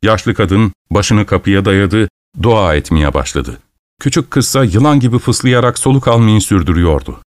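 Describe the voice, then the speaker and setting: A man narrating a first-person story in a measured, firm way. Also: on the low side, animated, dry recording, clean studio sound.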